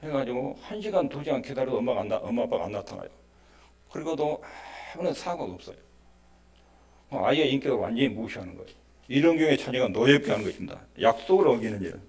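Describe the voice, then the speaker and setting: Preaching man, mellow voice. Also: medium pitch, expressive, fast talker, breathy edge. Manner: emphatic preaching, acts out scolding parents in quoted asides. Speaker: pastor. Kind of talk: sermon.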